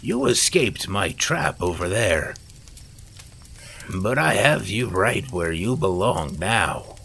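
Man doing a gloating turncoat villain, mocking and boastful, pitched higher than his low voice. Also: sing-song, creaky, slightly rough, full character voice. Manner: mocking, boastful, quick to shout. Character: cackling treacherous male villain, gloating.

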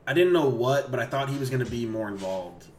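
A man's voice: mid-range voice, lively intonation, fairly quick, darkish tone, roomy sound. A laid-back man co-hosting a casual podcast, laughing often and calling everyone "dude". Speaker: podcast co-host. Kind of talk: casual chat.

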